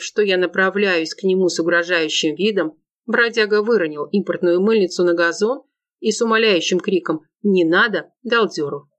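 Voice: medium pitch, a bit bright. An audiobook narrator reading a first-person crime novel in a dry, wry storytelling manner.

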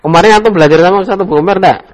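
Guy teaching a grammar class, quizzing students one by one, bit high voice, long echoey reverb. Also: racing. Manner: quizzes students in turn, explains patiently, jokes and laughs. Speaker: religious teacher. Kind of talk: classroom Arabic grammar lesson. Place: classroom study circle.

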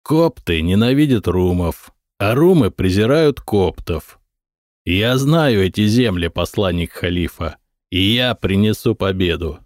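Grumbling veteran warlord , man narrator in his own low voice, lively delivery, dry audiobook sound. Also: unhurried, no room sound. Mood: stubborn. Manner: stubborn, grumbling. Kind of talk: audiobook character voice.

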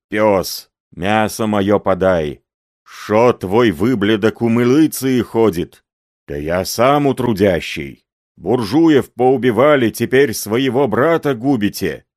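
A man voicing an enraged male villager who snarls out slow, heavy threats, reading a story aloud. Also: low-pitched, no room sound, clean studio sound.

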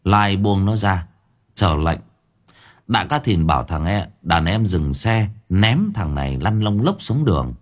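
A man narrating an audiobook story in a lively storytelling manner. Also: fairly low pitch, breathy edge.

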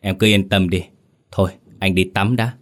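A man's voice: sits low, steady tone, normal speed, close to an everyday voice. A man doing a young man, offhand and reassuring.

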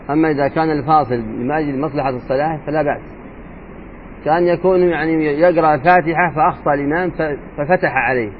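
A man teaching jurisprudence as a sheikh, explaining a text and slowly repeating and demonstrating letter sounds aloud. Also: fairly high pitch. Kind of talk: religious lesson explaining a legal text. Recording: tinny phone-like lo-fi sound with faint noise.

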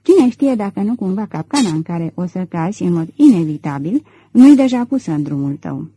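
A woman voicing a suave, self-assured middle-aged gentleman thief in an audiobook, cool and controlled. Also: on the low side, animated, slightly rough, poor audio. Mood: gently warning. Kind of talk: audiobook character reading.

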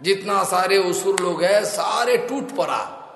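High-voiced man preaching in an echoey hall. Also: a little slow, a little hiss or hum. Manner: animated storyteller acting out quoted shouts. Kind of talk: devotional storytelling sermon. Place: temple hall.

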